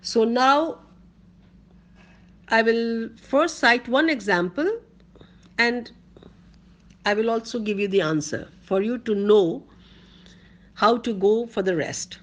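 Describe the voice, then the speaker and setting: A woman with an Indian English accent giving a college grammar lecture, dictating slowly and repeating each point so students can take notes. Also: a little high. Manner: slow, deliberate dictation, repeating words for note-taking.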